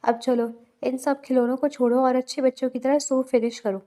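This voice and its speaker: A woman's voice: high-pitched, little pitch movement, warm tone, natural voice. Woman reading as a fierce protective young wife. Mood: tender.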